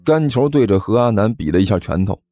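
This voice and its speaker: A man narrating a comic audiobook in a playful, expressive way. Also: fairly low pitch, fast talker, soft background music.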